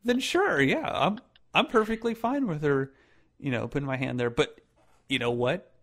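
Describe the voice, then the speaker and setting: A man's voice: on the high side, expressive, moderate pace, fairly bright tone. A young man in casual chat, laughing often, swearing freely and talking in hesitant bursts. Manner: laughing, profane, hesitant with fillers.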